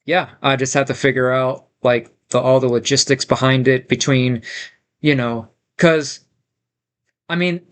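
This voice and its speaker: Reading his viewers' chat aloud, this streamer talks at an unhurried pace in a medium-pitched, steady, fairly bright voice. His livestream banter wanders, full of filler words and false starts.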